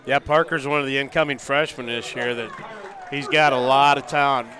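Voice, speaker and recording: A man giving casual color commentary on a high school football broadcast, often agreeing with short yeahs. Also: fairly even intonation, moderate pace, a crowd in the background.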